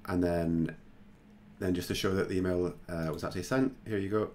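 A man hosting a screen-recorded software tutorial, talking casually and thinking aloud with plenty of fillers. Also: low-pitched, steady tone, a little fast, a little hiss or hum. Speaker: tutorial host.

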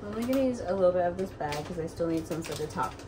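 A woman in her twenties, with a low-side, expressive voice, talks very fast as she casually narrates a home cooking vlog. She's in a small indoor home kitchen, picked up by a camera or phone a few steps away, so the mic sounds distant amid noisy kitchen ambience.

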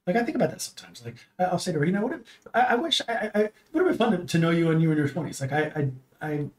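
A man's voice: high voice, very animated, very fast. Fifties man, guest on a home podcast, rambling talker with many restarts. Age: 50s. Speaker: podcast guest, host's father. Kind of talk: casual chat. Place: home streaming room.

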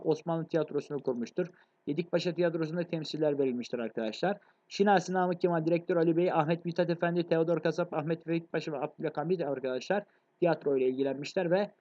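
A man's voice: a little high, warm tone, highs cut off. A man teaching an exam review lecture on literature, addressing his students directly and often checking that they follow. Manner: fast, addresses students as friends, frequent checks.

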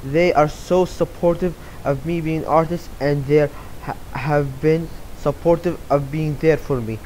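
A young Saudi man discusses his art as an interview guest, rambling through casual answers to read-out questions and frequently restarting or using fillers. His pitch is fairly high, his tone steady and darkish, his pace a little slow. The recording is rough, with a little hiss or hum.

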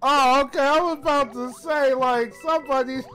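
Woman game streamer, high voice, excitable and jokey, laughs a lot, faint music behind. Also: moderate pace. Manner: excitable, joking, laughs often. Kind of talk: live gameplay commentary.

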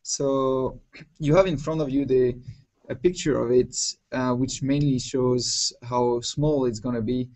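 Slow, halting male presenter. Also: mid-range voice, steady tone, darkish tone, poor audio. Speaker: technical presenter. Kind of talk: unscripted technical presentation.

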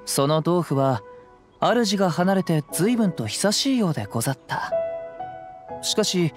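A male actor playing a gentle, poetic young wandering samurai in a video game, speaking calm, measured, old-fashioned samurai Japanese. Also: high voice. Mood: calm, reflective. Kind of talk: scripted game dialogue. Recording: clean voice over background music.

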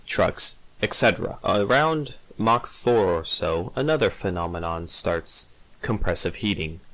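A man giving a dramatic reading of mock-scientific text in a theatrical, measured way, with emphatic pauses. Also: fairly low pitch, fairly bright tone, dry recording, poor audio. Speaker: reader of a humorous text.

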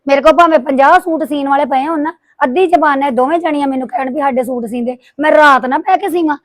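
A woman plays a hurt, indignant seamstress in a family drama. Her voice sits high and she rattles off her grievances quickly. The sound is close and dry. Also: no room sound, close to an everyday voice. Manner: rapid, indignant complaining. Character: aggrieved woman tailor, hurt by gossiping neighbors. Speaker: boutique tailor with young children. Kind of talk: domestic drama acting.

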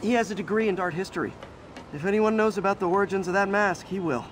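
A man's voice: high-pitched, fast, a little hiss or hum, natural voice. A man playing an earnest, kind young American superhero in a video game, with a hesitant, boyish, self-effacing way of talking. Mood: friendly, hesitant. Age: young adult. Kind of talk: cinematic video game acting. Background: background music.

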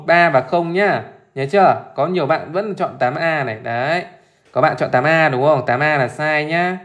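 A man teaching math as he walks through an exam live, chatty and informal, constantly repeating short check-in questions to his listeners. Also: on the high side. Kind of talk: live exam solution walkthrough.

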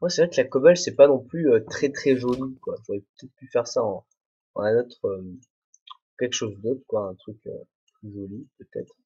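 This young let's play host has a mellow mid-range voice with a breathy edge and speaks at a normal pace, chattering to himself and joking about himself during solo gameplay. He's recorded at home on a desk microphone, no headphones, giving a dull, muffled sound.

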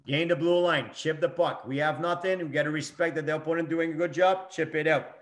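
A man's voice: a little high, steady tone, brisk. A middle-aged hockey coach talking through game clips in short, emphatic phrases and repeating his key points. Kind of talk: coaching talk over game video clips.

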